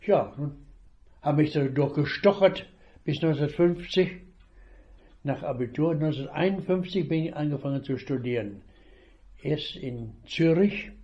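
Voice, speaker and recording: This is a retired veterinarian in his eighties from northwest Germany whose first language is Low German, reminiscing about his childhood. His medium-pitched, warm voice moves slowly and haltingly, with frequent restarts, and the recording sounds muffled.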